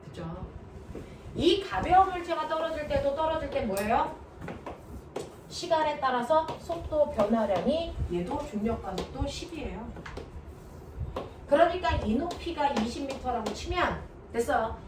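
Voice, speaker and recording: Lively woman physics teacher, echoey. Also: sits high, a little slow, long pauses, recorded from a distance. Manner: lively, quizzes students with constant check-ins. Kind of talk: classroom lecture. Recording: echoey room, voice from afar, noisy.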